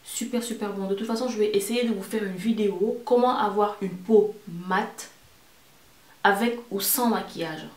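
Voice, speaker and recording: A woman's voice: mid-range voice, fairly even intonation, moderate pace, a little mellow. A woman giving a casual product review to camera as a beauty vlogger, repeating words and phrases for emphasis. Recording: roomy echo, distant mic, faint noise.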